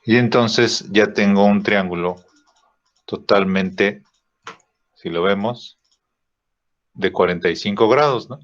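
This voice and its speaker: A man teaching a drawing software lesson, thinking aloud with fillers and checking in with "¿sí?" after each step. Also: on the low side. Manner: slow, checks in with frequent "¿sí?" and "¿no?"; thinks aloud with "este" fillers while clicking. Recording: dull lo-fi recording.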